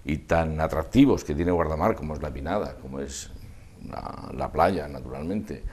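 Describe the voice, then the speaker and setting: Older man, very deep voice, reminiscing haltingly. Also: darkish tone. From Spain. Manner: discursive, halting, trailing off mid-thought. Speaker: interview guest, festival proclamation speaker. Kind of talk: reminiscing in a relaxed interview.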